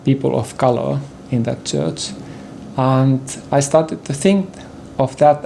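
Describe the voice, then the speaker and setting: An older man with a Finnish accent, a native Finnish speaker talking in English in a personal sofa conversation, halting and careful with many pauses and throat-clearings. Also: mid-range voice, warm tone, slight background noise. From Finland. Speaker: interview guest, partner in conversation. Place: indoor living room with bookshelves.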